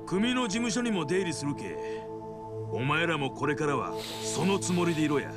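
A brash, loyal yakuza boss from a video game. His rough gangster speech has a Hiroshima accent and swings widely in a high register. Music plays clearly behind him. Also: sing-song, moderate pace. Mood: bossy. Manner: gruff bossy dialect, fawning toward his sworn brother. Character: brash, middle-aged male yakuza boss, loud and loyal.

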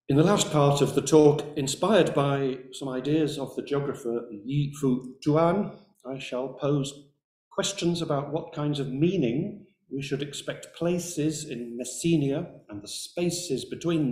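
A man's voice: medium pitch, a little mellow, echoey room. A man giving an academic lecture, reading carefully from a script with brief hesitations. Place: lecture room.

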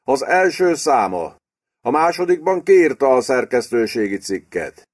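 A man's voice: mid-range voice, very animated, pitched above the performer's own voice. Man voicing a wry prime minister. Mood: teasing. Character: wry middle-aged male prime minister. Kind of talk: audiobook character voice.

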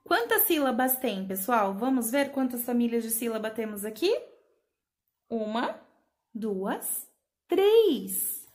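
A patient preschool teacher speaking to small children, spelling out letters and syllables one by one. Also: female voice, on the high side, animated, normal speed, hardly any pauses. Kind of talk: slow remote lesson for young children.

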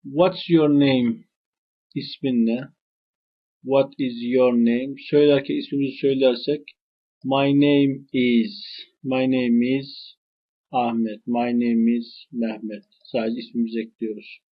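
Husky man teaching English phrases slowly. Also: medium pitch, steady tone. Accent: Turkish. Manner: slow, careful modeling of English phrases with Turkish explanation. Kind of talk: language lesson. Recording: dull lo-fi recording.

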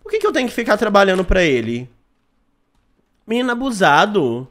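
Young Brazilian male let's-play host; jumpy, exclaiming, high and animated. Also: fairly quick. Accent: Brazilian Portuguese. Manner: jumpy, exclaiming, talks to chat. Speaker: gaming channel host. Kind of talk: horror game let's play commentary.

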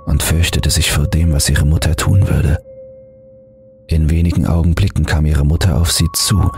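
A man with an extremely deep voice narrates a horror audiobook in a calm, measured way. Faint background music sits beneath his reading. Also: vocal fry.

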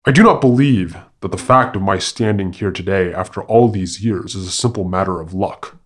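A proud old warrior tiger from a spoken fable, stern and measured, as a man reads him out. His low voice stays even and grave. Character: proud scarred male tiger, stern veteran.

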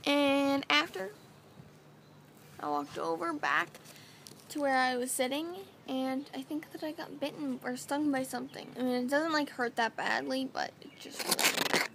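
A woman's voice: high voice, a little slow, creaky. A young woman chatting casually in a vlog, describing her day outdoors. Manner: chatty, animated. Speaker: vlogger. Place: outdoors on a boat. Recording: noisy outdoor ambience.

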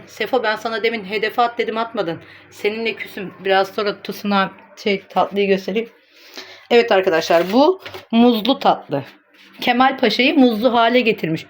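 A woman vlogging casually to her phone camera, chatty, blunt and teasing, with a way of talking. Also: medium pitch.

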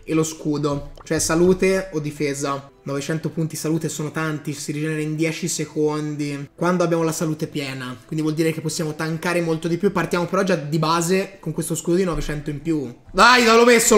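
A man giving excitable live commentary over his own gameplay, breaking into bursts of hype and talking straight to his viewers. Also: fairly high pitch. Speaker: gaming YouTuber.

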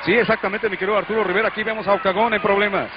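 A man's voice: high voice, steady tone, racing. A man with a Mexican accent giving an urgent live backstage wrestling report with formal turns of address. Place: concrete backstage area of arena. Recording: lo-fi TV audio, loud crowd and noise. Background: loud crowd and noise.

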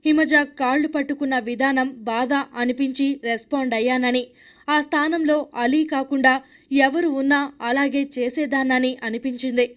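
Lady news voice-over, high pitched, steady recap reading. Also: normal speed. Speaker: news narrator.

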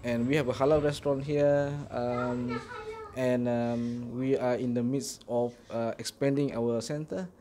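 Middle-aged man from Singapore, even monotone, hesitant, handheld mic in a small prayer room. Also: medium pitch, unhurried, noisy background. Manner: steady, hesitant with many ums. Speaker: mosque founder. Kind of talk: casual interview answers. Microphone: handheld mic held by interviewer.

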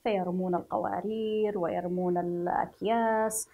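A woman from Yemen teaching a reading lesson to young children, speaking slowly and spelling sounds out clearly while asking the class questions. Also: lowish voice, fairly even intonation, phone-quality sound. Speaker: primary school teacher.

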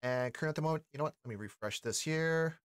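Hosting from a small indoor streaming room, a man in his forties reacts to camera with casual, slangy commentary. He talks fast in a fairly high voice.

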